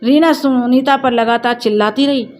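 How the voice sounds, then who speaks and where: A woman's voice: fairly high pitch, fairly even intonation, normal speed, a little mellow. Woman narrating a family story.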